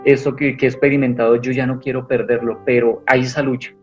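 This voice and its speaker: A man's voice: medium pitch, flat delivery, fast. A man giving an earnest personal testimony in an interview, rambling with many restarts. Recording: dull lo-fi sound with faint music.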